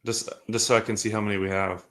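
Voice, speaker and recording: A man co-hosting a casual hockey watch-party podcast, easygoing and quick to laugh. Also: lowish voice, level tone, fairly bright tone. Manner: easygoing, laughs often, halting restarts. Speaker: podcast co-host.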